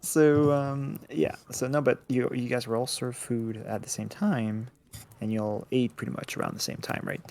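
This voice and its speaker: A man acting as dungeon master, narrating a tabletop game casually, with many halting restarts. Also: mid-range voice, flat delivery, creaky, a little mellow. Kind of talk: running a tabletop game session. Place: home setup, streaming online.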